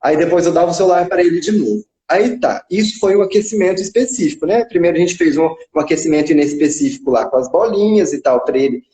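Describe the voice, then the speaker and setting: A man's voice: on the high side, expressive, quick pace, few pauses, dark tone. A young man, a psychodrama psychologist, casually recounting a therapy session with a child and acting out the quoted dialogue. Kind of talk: casual storytelling in a live chat. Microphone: phone on a live video stream. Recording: echoey room.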